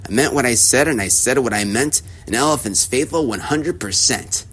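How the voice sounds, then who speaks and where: A man voicing a steadfast, gentle male elephant in a storybook read-aloud, speaking slowly and earnestly. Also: mid-range voice, expressive, breathy edge, rough recording.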